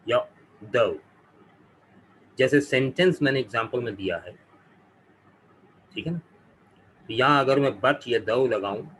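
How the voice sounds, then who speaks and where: Male teacher, unhurried, faint background hum. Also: medium pitch, a bit bright, low-quality recording. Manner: slow, careful pronunciation drills, repeating words. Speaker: English teacher. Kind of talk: live online vocabulary class.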